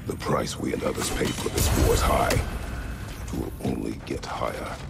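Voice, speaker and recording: A man's voice: extremely low pitch, steady tone, moderate pace, gravelly, very noisy, full character voice. An actor playing a grave, battle-weary older warrior father in a video game, terse and somber, with a growling voice. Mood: stern, somber. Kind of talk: video game dramatic acting.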